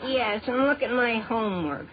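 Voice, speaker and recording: A man's voice: extremely high pitch, lively intonation, moderate pace, a crowd in the background. An actor playing a cocky, wisecracking teenage boy in a 1940s radio comedy. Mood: scheming. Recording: muffled old radio broadcast with hiss.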